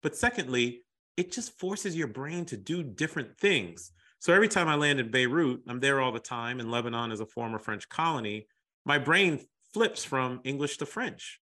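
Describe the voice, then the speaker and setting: Guesting on a podcast, this man from the United States talks at a moderate pace with medium pitch. His delivery is energetic and emphatic, and he addresses people as brother.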